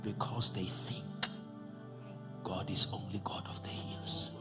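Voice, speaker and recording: A man preaching a Pentecostal sermon as a bishop into a pulpit microphone, dropping to hushed whispers and rising to shouted climaxes, and mixing in English phrases. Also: sits low, little pitch movement, slow pace, music in the background. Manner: mixes English phrases into his own language mid-sentence.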